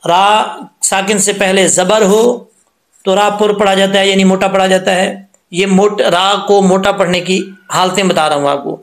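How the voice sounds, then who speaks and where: Patient high-voiced male Quran tutor, echoey room. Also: steady tone. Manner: patient, repeats and drills syllables slowly. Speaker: Quran recitation teacher. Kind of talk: tajweed lesson explaining letter sounds.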